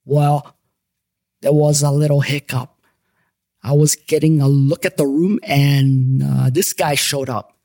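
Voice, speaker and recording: A man's voice: medium pitch, fairly even intonation, slow pace, warm tone, dry recording. A man narrating a paranormal detective story in the first person, with a wry, joking delivery over background music.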